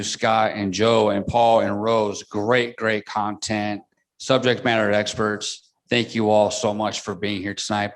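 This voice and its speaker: A man moderating a panel discussion, asking questions and giving thankful closing remarks. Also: fairly low pitch. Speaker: event moderator.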